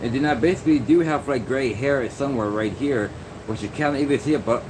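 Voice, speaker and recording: Against a noisy background hum, a young vlogger rambles through a loose monologue at a fairly quick clip. His voice is medium in pitch, and he keeps using fillers and restarting his sentences.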